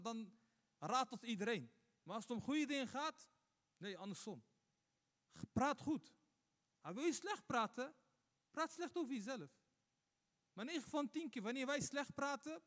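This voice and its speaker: A man's voice: very high voice, fairly bright tone. A man giving a Friday sermon as imam, asking rhetorical questions and repeating points for emphasis. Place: mosque. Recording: long hall reverb.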